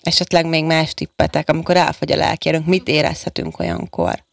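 A woman's voice: low-pitched, level tone, gravelly. A woman hosting a radio talk show from a studio microphone, encouraging her young guests and summing up their answers before asking more. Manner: encouraging, sums up answers and asks follow-up questions. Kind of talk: radio interview with school pupils.

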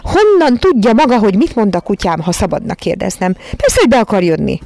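A woman's voice: very animated, darkish tone, dry recording. A woman voicing a haughty, fussy lady who scolds and wails over her dog in a storybook reading. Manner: shrill and wailing, theatrical.

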